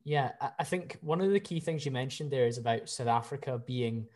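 A man's voice: mid-range voice, brisk, darkish tone. A man from the UK hosting a podcast interview, posing structured questions in a friendly way. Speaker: podcast host.

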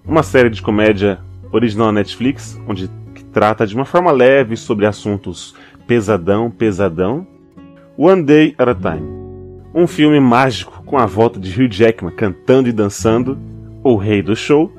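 A man's voice: lowish voice, lively intonation, moderate pace, a little mellow. A man with a Brazilian Portuguese accent hosting a podcast, speaking playfully and directly to the listener. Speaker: podcast host. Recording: music behind the voice.

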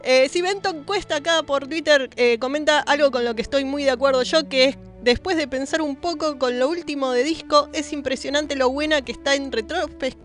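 A woman's voice: sits high, moderate pace, few pauses, soft background music. A woman, co-hosting a casual podcast chat. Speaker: podcast co-host. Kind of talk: casual chat, reading a listener comment.

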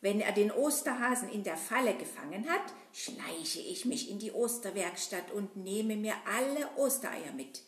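A woman voicing a sly, greedy old witch in a children's puppet show, shrill and scheming. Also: expressive, normal speed, few pauses, lightly acted. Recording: roomy echo.

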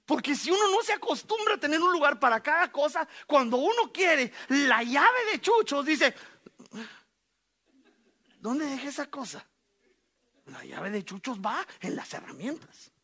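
A middle-aged man preaching a sermon as pastor, animated and joking, speaking straight to the congregation. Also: very high-pitched, moderate pace, vocal fry, hardly any pauses. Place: church sanctuary.

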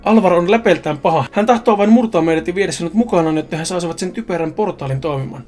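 A man's voice: high voice, a little mellow, close to an everyday voice. A man voicing a frightened, loyal young woman who urges her friend to flee, in a spoken story. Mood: urgent. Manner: urgent, pleading.

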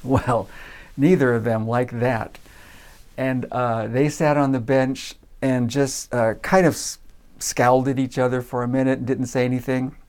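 A man telling a personal story in a relaxed, casual way, with frequent fillers. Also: mid-range voice, unhurried, smooth. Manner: relaxed, many uh fillers, acts out voices in quotes.

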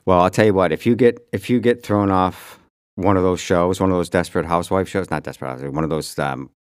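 A man chatting casually and comedically as a podcast co-host, halting and rambling with repeated words, swearing freely, and pronouncing his R's like W's. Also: deep voice, smooth, no room sound, studio quality. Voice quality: can't pronounce R's, says them like W. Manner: profane.

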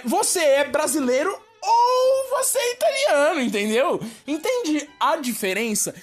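A Brazilian woman ranting in a slangy, exasperated comic monologue to her viewers. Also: high voice. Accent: Brazilian Portuguese. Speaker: vlogger. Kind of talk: slangy comic rant to camera.

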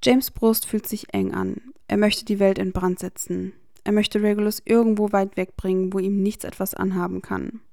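Gravelly woman reading a story aloud. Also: mid-range voice, little pitch movement, normal speed, few pauses, warm tone, no echo, studio quality. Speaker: reader of fan fiction. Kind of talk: audiobook narration.

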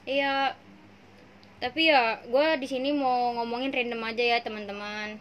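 A woman's voice: a little high, fairly even intonation, a little slow, a bit bright, slight background noise. A young woman hosting a casual podcast, playful and slangy, laughing often. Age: young adult. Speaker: podcast host.

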